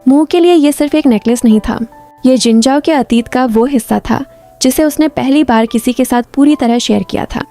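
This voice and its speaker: Female recap narrator, slightly high voice, smooth and even scripted storytelling. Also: normal speed, faint music behind.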